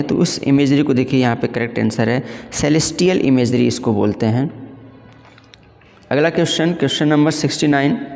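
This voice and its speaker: A man teaching an exam-prep English literature lesson, reading questions slowly and explaining in Hinglish with rhetorical questions. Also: mid-range voice, a little mellow, in a large hall.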